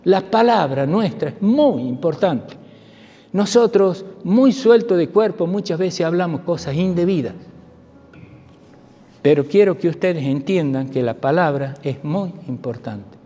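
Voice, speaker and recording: A man's voice: fairly high pitch, animated, unhurried, dark tone. A man preaching a sermon as pastor, telling stories and repeating key phrases for emphasis. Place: church sanctuary. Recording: dull recording with long church reverb.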